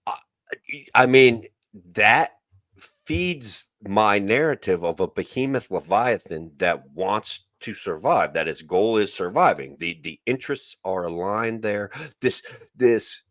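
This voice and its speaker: A man's voice: fairly low pitch, lively intonation, slow, a bit bright, dry recording, studio quality. A man hosting a podcast, talking politics casually with colorful, dramatic phrasing. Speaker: podcast host.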